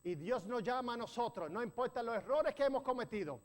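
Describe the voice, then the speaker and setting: A male pastor preaching a sermon in a teaching manner, checking in with the congregation, with joking asides and quick self-corrections. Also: extremely high pitch, expressive.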